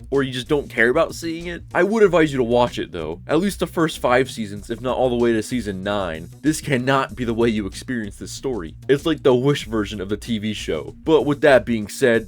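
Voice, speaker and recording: Sarcastic young male game reviewer. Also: mid-range voice. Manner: sarcastic, blunt, swears. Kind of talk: casual video game commentary.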